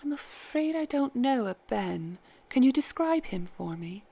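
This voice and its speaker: A woman reading the part of a calm, kindly head maid who speaks gently and formally. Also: on the high side, a little slow, gravelly, breathy edge, pitched above the performer's own voice, full character voice. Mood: gentle.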